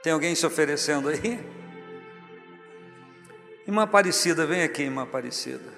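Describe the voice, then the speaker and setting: A man's voice: a little high, animated, normal speed, vocal fry, a bit bright, long reverb tail, faint music behind. A Brazilian man preaching as pastor, jovial and teasing as he calls church members up to the front. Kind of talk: sermon. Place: large church hall, music underneath.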